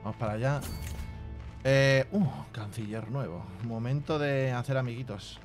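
Guy doing a lets play, swears a lot, reads game text out loud, mid pitch, music under it. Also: normal speed. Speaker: gaming youtuber. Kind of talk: casual let's play commentary.

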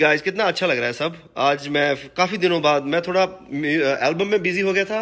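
A young man chats his way through a home cooking vlog, his voice sitting a little high for a man. A slight hoarseness runs through his relaxed, joking talk, and he mixes English words into his speech. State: slightly hoarse from singing practice. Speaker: cooking vlogger.

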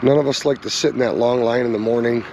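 A man talks through fishing tips in a folksy, instructive tone, speaking to his viewers as "guys." His voice sits at a middle pitch, recorded outdoors by the river. Faint outdoor and vehicle noise runs underneath. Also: fairly even intonation, quick pace, a little mellow, dull audio. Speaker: fishing channel host. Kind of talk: outdoor fishing report vlog.

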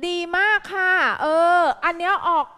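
A woman's voice: very high-pitched, fairly even intonation, moderate pace, bright, forceful tone, in a large hall. A woman teacher quizzing children on vocabulary in a live class, repeating her questions. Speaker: English teacher.

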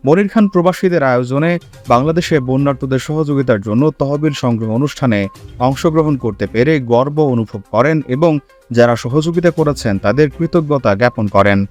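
A man's voice: medium pitch, brisk, a little mellow. Male news narrator over music.

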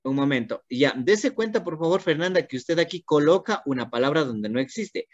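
Ecuadorian-accent english teacher, patient, reads lines super slow and over again, dry muffled lo-fi sound. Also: medium pitch, animated, no room sound. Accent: Ecuadorian Spanish. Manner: patient and corrective, reads English lines very slowly and repeats words. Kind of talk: online class instruction. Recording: dull, dry, lo-fi.

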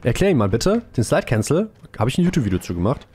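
A young man streams a shooter game live, chatting loosely and excitably with his viewers in a middle-pitched voice. His slangy talk jumps between the match and the chat, and faint noise and gunfire from the game sit behind him. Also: fast talker.

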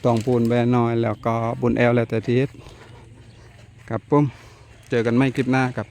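A middle-aged man hosts his own farm vlog outdoors and chats in an easy, unhurried way. He often closes his phrases with polite particles. His voice sits at an ordinary pitch, with a faint hum of outdoor sound behind him. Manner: relaxed, chatty, ends phrases with polite particles. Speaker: channel host.

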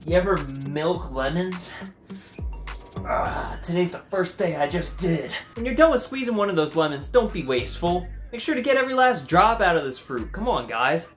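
A young man hosting a comedic home cooking vlog, goofy and jokey, sometimes breaking into loud mock commands, filmed in his kitchen on a camera mic. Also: high-pitched, big pitch swings, moderate pace, echoey room, faint music behind. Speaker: cooking video host.

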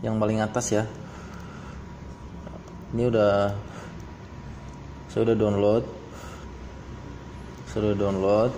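A noisy amateur phone recording of a man hosting a casual tutorial. His voice is on the low side and very slow, moving haltingly from one step to the next. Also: flat delivery, mellow. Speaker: tutorial host.

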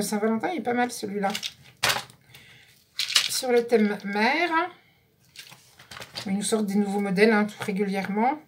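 A woman's voice: medium pitch, a little hiss or hum. A woman vlogger chatting casually through a craft supply haul, describing each item one by one and correcting herself as she goes. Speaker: scrapbooking vlogger.

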